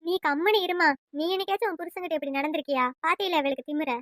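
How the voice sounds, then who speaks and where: A woman doing a shrill nagging mother-in-law. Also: fast talker, a bit bright, no room sound, studio quality. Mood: scolding. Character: scolding sharp-tongued old mother-in-law. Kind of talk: cartoon voice acting.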